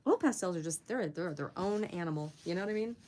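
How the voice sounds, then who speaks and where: A woman's voice: lively intonation, fast talker, darkish tone. Giggly woman chatting while she draws. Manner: chatty and giggly, greets viewers in a high voice. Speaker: art livestream host. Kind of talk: casual livestream chat while drawing.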